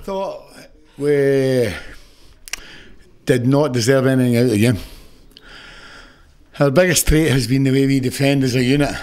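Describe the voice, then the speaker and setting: A Scottish man in his sixties who manages a football team gives an annoyed, straight-talking interview after the match. He has a mid-range, slightly mellow voice and speaks into a close stand mic in an indoor press room with a sponsor backdrop.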